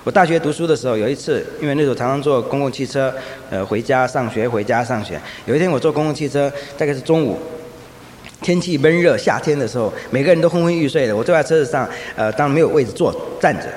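A man preaching a sermon, telling lively anecdotes and acting out the voices of people in his stories. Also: mid-range voice, fast talker. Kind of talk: sermon with storytelling. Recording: echoey hall, faint ambient noise.

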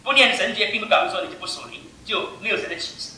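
An older man preaching a sermon to his church, emphatic and animated, pressing each point home with "I tell you.". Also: high-pitched, racing. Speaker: pastor. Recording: echoey hall, mic far off.

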